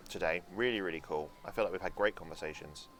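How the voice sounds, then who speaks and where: Deep-voiced and fast, with a somewhat bright tone, a young native German speaker gives casual commentary while streaming a theme park game from home. He rambles sarcastically to his chat, swearing now and then, and there's slight background noise.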